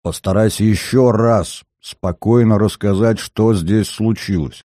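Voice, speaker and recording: A stern investigator questions and rebukes in clipped, commanding lines, his tone low and mellow under the firmness, as a male narrator puts him on. The sound is dry and close. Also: steady tone, unhurried, no echo, natural voice.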